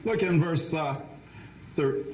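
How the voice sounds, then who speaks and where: A man's voice: on the high side, takes it slowly, darkish tone, reverberant, a little hiss or hum, rough recording. A man preaching a Bible study sermon, often asking his listeners questions and repeating words as he restarts.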